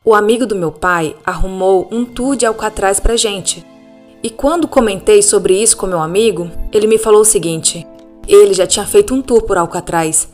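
A woman with a Brazilian Portuguese accent, reading listener-sent ghost stories aloud as a podcast narrator in a calm, steady storytelling manner. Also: medium pitch, normal speed. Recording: faint music bed behind the voice.

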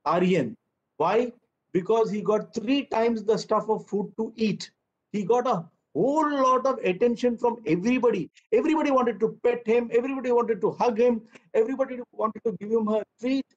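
A man's voice: extremely high pitch, moderate pace. A man in his fifties with an Indian English accent, a children's author giving a chatty, humorous storytelling talk. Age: 50s. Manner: chatty, humorous, mixes in Hindi. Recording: dull lo-fi recording.

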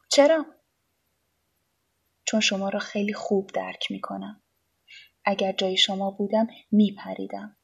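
A calm, needling artist in an audiobook, unbothered and faintly amused, as a woman reading aloud gives him voice. The tone stays husky and slightly breathy, pitched at an ordinary middle height. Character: aloof, mocking male artist on a cliff.

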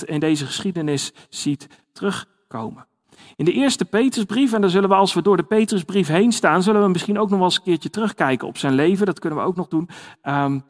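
A man's voice: on the high side, in a large hall. A man giving a conversational sermon, with many fillers and restarts. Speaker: preacher.

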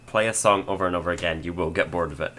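A man's voice: deep voice, fairly even intonation, rapid-fire, a bit bright, slight background noise. A man co-hosting a casual music review podcast, reasoning things through with frequent ums. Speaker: podcast co-host.

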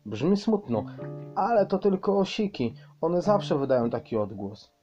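A gentle, practical mother troll, voiced by a man speaks softly and a little higher. The storybook recording is dull and lo-fi, with plucked guitar underneath. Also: sing-song, measured pace. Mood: soothing.

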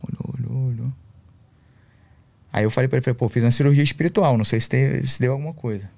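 A man's voice: medium pitch, fast, vocal fry, a little mellow, no room sound. A Brazilian man telling a personal story in slangy, profane casual talk. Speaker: podcast guest.

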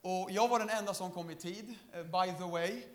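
A young man giving a lively testimony sermon, laughing often and calling out to the congregation. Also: sits high. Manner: lively storytelling, laughing often, shouts to the crowd. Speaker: preacher.

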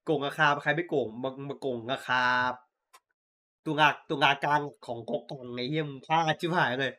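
A man in casual chat about a TV show, excitable and swearing often, acting out lines from scenes. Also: a little high, moderate pace. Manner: excitable, swears a lot, acts out scene quotes. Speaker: podcast co-host. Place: voice chat call.

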